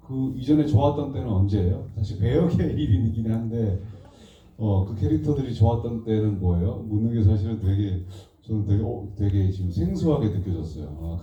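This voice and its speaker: An actor speaking on stage after a screening, thoughtful and searching for his words. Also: fairly low pitch. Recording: distant, dull mic in an echoey hall.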